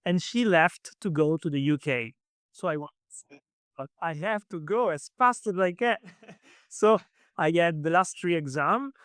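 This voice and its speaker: An Italian man with a clear accent gives casual interview answers as a guest, telling his story in a relaxed way. His slightly high voice is smooth and resonant, and he often pauses with fillers and restarts sentences. The recording is close and dry, with no room sound.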